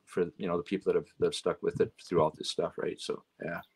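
Low-voiced man telling road stories. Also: fast, slightly rough. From Canada. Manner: animated anecdotes, acting out quotes, frequent "right?". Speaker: guest, road manager. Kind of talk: casual storytelling chat.

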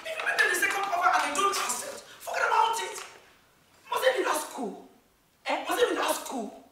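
A woman's voice: very high-pitched, sing-song, brisk, heavy reverb, distant mic, background noise. An actress with a Nigerian English accent playing a blunt woman who scolds and challenges, talking insistently. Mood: scolding. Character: blunt wife who challenges her husband's spending.

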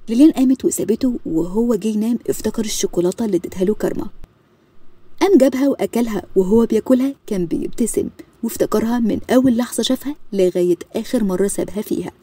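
Fast-reading Egyptian woman storyteller. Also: mid-range voice, husky, dry recording. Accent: Egyptian Arabic. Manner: quick, even reading voice. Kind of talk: audio story narration.

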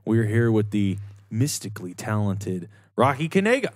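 A man's voice: lowish voice, sing-song, moderate pace, no echo, clean studio sound. A man hosting a casual podcast, loose and jokey with casual swearing. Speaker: podcast host.

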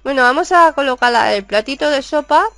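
A woman from Spain with a Spanish accent, chatting excitedly as she plays a video game and reads its dialogue aloud. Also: high-pitched, brisk, faint music behind. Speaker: gaming YouTuber. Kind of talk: casual game commentary.

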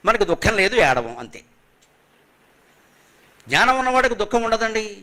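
Man, spiritual discourse, bright forceful voice, fairly high pitch, emphatic questions. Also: very animated. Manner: emphatic rhetorical questions, chants verses slowly. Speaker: spiritual speaker. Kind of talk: religious discourse.

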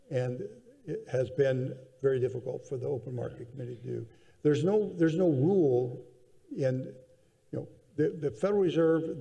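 Seated in an armchair on the stage of a big conference hall, an older male panelist speaks in a gravelly, mellow, mid-range voice. His delivery is slow and considered, often restarting, and the reverberant hall carries his words.

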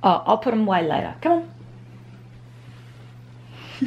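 A woman's voice: a little high, sing-song, slow pace, darkish tone, highs cut off. A young woman vlogging at home as a mother, chatting casually and cooing to her toddler in sing-song tones. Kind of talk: casual vlog chat. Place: home kitchen and bedroom. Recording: roomy home audio with music behind.

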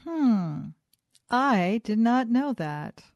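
A woman's voice: a little high, sing-song, darkish tone, dry recording, lo-fi sound. Thoughtful woman hosting an interview. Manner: thoughtful, halting, with restarts. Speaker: podcast host and interviewer. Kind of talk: conversational interview.

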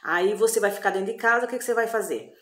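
A woman's voice: mid-range voice, very fast, lightly acted. A woman voicing a stern male wizard who scolds and gives orders, told as a spoken story. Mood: instructing. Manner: scolding, bossy commands. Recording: echoey room.

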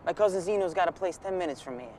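Insistent, awkward young suitor. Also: male voice, high voice, expressive, fast, darkish tone. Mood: coaxing. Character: persistent, awkward male suitor who won't hear no. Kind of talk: TV drama acting. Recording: slightly distant, faint outdoor street noise.

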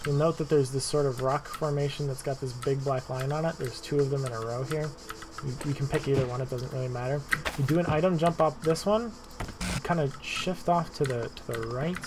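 Easygoing male speedrunner explaining routes, self-deprecating, recording carries clear background noise. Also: medium pitch, brisk. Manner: relaxed, self-deprecating, frequent fillers and repeated words. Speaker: speedrun tutorial narrator. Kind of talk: casual gameplay walkthrough commentary.

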